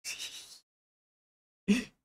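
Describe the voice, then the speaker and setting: A man's voice: very slow, fairly bright tone. Young Indian-accented male streamer. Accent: Indian English. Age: young adult. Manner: teasing, banters with chat. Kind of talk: casual live-stream chat.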